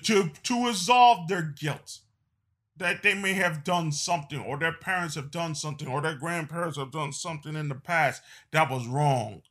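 A man's voice: a little high, normal speed, fairly bright tone. A man delivering a political opinion monologue, emphatic, repeating phrases and restarting sentences. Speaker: political commentator.

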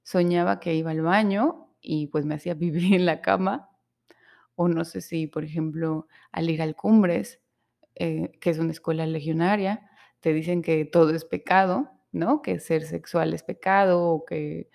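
A young adult woman hosts a podcast, delivering a candid, emotional confessional monologue about her own life and quoting her inner speech back to herself. Her voice is fairly low, steady and a little mellow, with some creak, and she keeps a measured pace.

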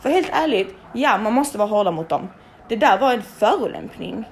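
A young woman tells a story in casual, animated speech, swearing freely and performing the voices of the people she quotes. Her voice is on the high side, with slight background noise.

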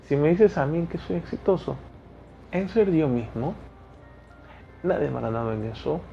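Over faint music in a dull lo-fi recording, an Ecuadorian podcast host in his thirties addresses the listener directly with blunt, preachy motivation. He has an Ecuadorian Spanish accent and a slightly high, gravelly, animated voice at a moderate pace.

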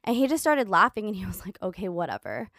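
A woman's voice: medium pitch, fast, dry recording, studio quality. A woman casually telling a long story, swearing freely and saying "like" constantly. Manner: profane, animated, heavy use of "like".

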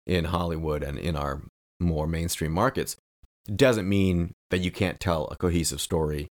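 A man with a very low, deep voice co-hosts a casual podcast. He talks in an earnest, reflective way and stretches out the phrases he wants to stress. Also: steady tone, normal speed. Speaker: podcast co-host. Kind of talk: casual film discussion.

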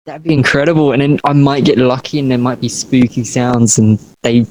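A young man, chatting on a podcast, excitable and playful, tripping over his words. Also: medium pitch, brisk, rough recording. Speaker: podcast co-host. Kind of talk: casual chat.

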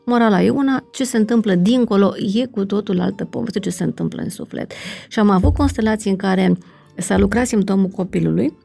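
A middle-aged woman talks in an unhurried, conversational way, pausing on fillers and checking with "right?" as she explains. Her voice is mellow and warm with a gravelly edge. Faint music sits underneath. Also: medium pitch. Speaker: family constellations facilitator, guest.

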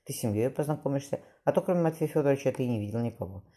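Audiobook: man doing a weary old sea captain, dark voice, brisk delivery. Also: mid-range voice, animated, voice pushed up, close to an everyday voice. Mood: weary, tender. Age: 50s. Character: grieving older male sea captain, gruff but loving.

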